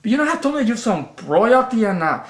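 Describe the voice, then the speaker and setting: A lovestruck immigrant husband complains about being broke. He speaks broken, halting English in a high voice. The room is echoey. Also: big pitch swings. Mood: aggrieved.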